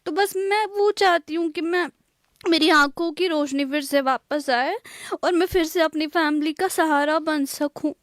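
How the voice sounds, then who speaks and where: A young woman from Kashmir, speaking softly and hesitantly in a tearful interview. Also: sits high, no echo, studio quality. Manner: soft-spoken, hesitant, many pauses and fillers. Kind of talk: emotional interview.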